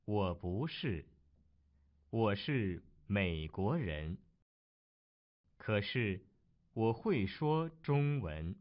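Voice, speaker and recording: A man reading the part of a learner in a slow textbook dialogue, articulating each word carefully. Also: on the low side, very animated, full character voice. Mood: plain. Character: adult male learner named Tim. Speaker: dialogue reader. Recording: dull lo-fi recording.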